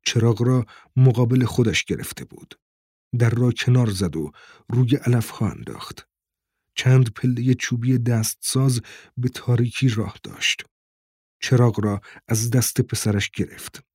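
A man narrates a novel in a steady, measured reading voice. His tone is husky and mid-pitched. The recording is dry and close, with no room sound. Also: no echo. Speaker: audiobook narrator. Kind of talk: scripted narration.

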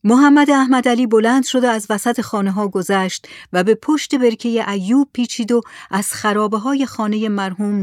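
A storyteller reading a story aloud in a measured, even way. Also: mid-range voice, dry recording, clean studio sound. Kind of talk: scripted narration of a story.

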